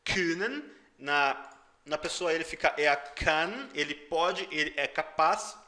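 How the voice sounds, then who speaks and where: A man with a Brazilian Portuguese accent gives a language lesson at an unhurried pace. His voice is bright and sits a little high, and he repeats phrases patiently, saying the foreign words louder. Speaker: German teacher. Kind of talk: language lesson explaining song lyrics.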